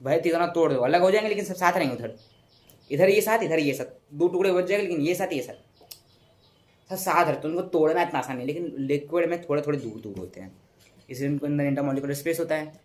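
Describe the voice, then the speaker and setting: A young man teaches a science lesson in a loose, talkative way. His voice sits a little high, and he often repeats words, stumbles over terms and corrects himself. He acts out sounds to make his points. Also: lively intonation, fast talker. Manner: chatty, repeats words, self-corrects, uses sound effects. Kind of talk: casual classroom explanation.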